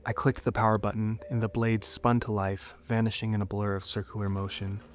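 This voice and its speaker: A man reading a scripted first-person horror story in a measured, dramatic way. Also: lowish voice, level tone. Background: music under the voice.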